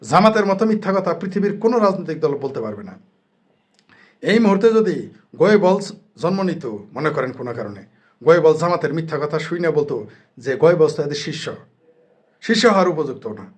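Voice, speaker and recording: A man's voice: a little high, expressive, a little fast, pauses often. A man delivering an angry, sarcastic political monologue full of mockery and jabs. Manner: sarcastic, mocking, combative. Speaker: political commentator.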